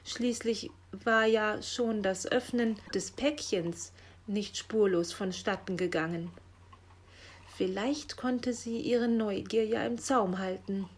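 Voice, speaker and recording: Slow, calm woman reading a children's story. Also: mid-range voice, slightly rough.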